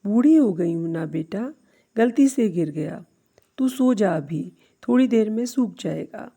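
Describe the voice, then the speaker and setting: A woman voicing an aging mother who speaks calmly and gently in a storybook tale. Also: medium pitch, a little slow, gravelly, slightly rough, full character voice. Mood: gentle. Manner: calm and gentle. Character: aging mother, patient, loving, stern.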